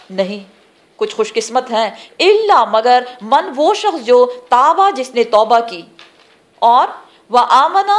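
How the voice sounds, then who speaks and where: A woman teaching a religious class, explaining scripture phrase by phrase and asking the class questions that she then answers herself. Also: on the high side. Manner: explains terms word by word, pausing between phrases. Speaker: Quran teacher.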